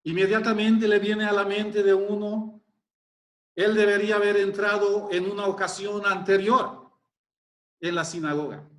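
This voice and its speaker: A man preaching a sermon, explaining scripture in a deliberate, emphatic way and exclaiming in wonder. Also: high voice, flat delivery, reverberant.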